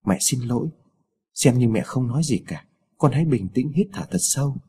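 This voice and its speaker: A man voicing a weary, widowed mother, speaking in a tired, pleading way with a husky tone. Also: medium pitch, lively intonation, normal speed, mellow. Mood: apologetic. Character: worn-out grieving widowed mother.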